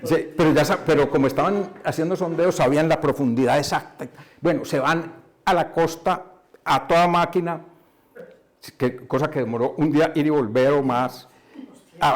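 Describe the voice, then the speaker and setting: Man retelling a novel to a group. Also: a little high. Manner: storytelling, laughs often, repeats himself. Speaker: book club speaker. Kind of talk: casual book discussion. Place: coworking room with a small group.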